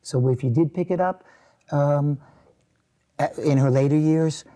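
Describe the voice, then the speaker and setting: An older man with an American accent tells his memories for an oral history interview. His voice is dark and mellow. He rambles and often stops to restart a thought. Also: fairly high pitch. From born in England, raised in the US. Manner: rambling, halting reminiscence with many restarts. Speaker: interviewee, retired teacher.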